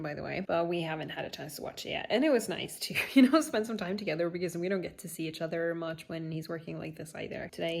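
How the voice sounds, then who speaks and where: A young woman vlogging casually about her day, chatty and candid with small laughs, tired and a little out of breath. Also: lowish voice. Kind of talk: casual vlog chat.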